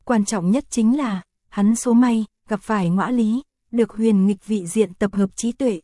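Woman reading a story, warm steady narration, no room echo. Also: medium pitch, unhurried, clean studio sound. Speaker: audiobook narrator. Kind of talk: scripted narration.

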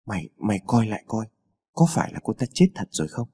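Brief: man playing a rattled rich boss, stammered hushed orders, husky, audio story. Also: on the low side, very animated, fast, pitched below the performer's own voice. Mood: frightened hushed. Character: rich old master, shaken and secretive.

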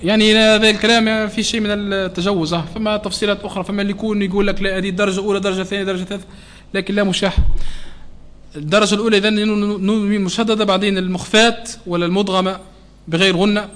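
A man with a Tunisian Arabic accent teaching a Quran recitation lesson to a class, often checking that students follow and slowing down to model sounds. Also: high voice, little pitch movement, a bit bright.

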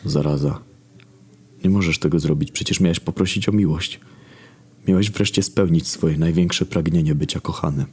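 Brief: a man playing a caring, soft-spoken Death figure. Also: low-pitched, normal speed, slightly rough. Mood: pleading. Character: gentle, caring male horseman Death.

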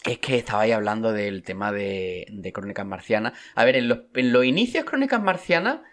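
A low-pitched man from talks in a relaxed podcast chat. He presses to make his point and keeps stumbling and restarting as he goes. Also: brisk. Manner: stumbling, eager to cut in. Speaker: podcast co-host. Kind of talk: casual chat.

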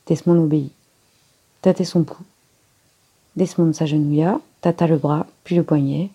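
A woman reading a detective novel aloud in a measured, even storybook narration. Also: low-pitched, breathy edge. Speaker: reader.

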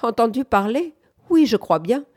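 A woman voicing a sarcastic old farmer who mumbles and mocks, a little higher and louder than her own voice. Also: sing-song, moderate pace. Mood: teasing. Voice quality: mumbling, sly, caustic.

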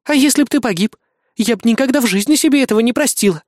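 A man's voice: extremely high pitch, brisk, dry recording, studio quality, pitched above the performer's own voice. A male audiobook reader voicing a fussy young noblewoman who scolds and fusses. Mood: scolding. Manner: scolding, fussing. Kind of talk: audiobook character voice.

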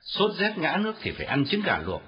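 A man voicing a stern, angry old father, a village doctor, in gruff, clipped outbursts. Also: fairly high pitch, wildly swooping pitch, brisk, pitched above the performer's own voice. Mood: grudging. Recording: dull lo-fi audio with faint music.

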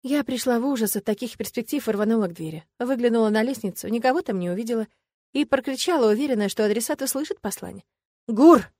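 High-voiced woman narrating an audiobook. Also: expressive, fast talker, dark tone, no room sound. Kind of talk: first-person fantasy audiobook narration.

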